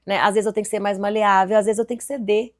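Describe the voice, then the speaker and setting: A Brazilian woman from Goiás, a business owner telling her story as a podcast guest in animated, quick talk with frequent restarts. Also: mid-range voice. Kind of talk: casual interview chat.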